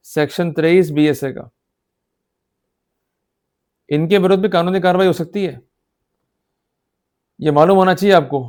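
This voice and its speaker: Smooth and darkish, with a fairly high pitch, this man's voice carries an explanatory law lecture in Hindi blended with English legal terms. He speaks emphatically, exhorts his listeners, and often checks that they are following.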